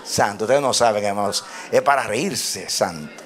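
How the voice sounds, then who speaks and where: A male pastor telling a personal story in a sermon, animated, often laughing and building up to loud exclamations. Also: lowish voice, moderate pace, a faint crowd.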